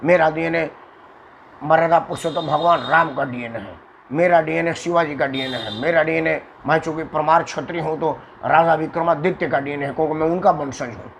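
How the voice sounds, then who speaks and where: A man from Uttar Pradesh delivers a long political monologue straight to his viewers, hammering points home with repetition and sudden shifts in intonation. His voice sits a little high for a man. A faint background noise runs under the recording. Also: a little fast, vocal fry, poor audio. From Uttar Pradesh, India. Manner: emphatic, repetitive, demonstrates intonation with dramatic shifts. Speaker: political commentator. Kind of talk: monologue to camera.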